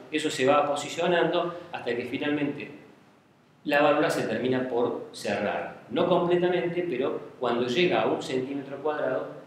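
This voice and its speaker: A man giving a medical lecture, explaining step by step and checking in with the class often. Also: medium pitch. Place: lecture room. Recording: very echoey classroom with faint hiss.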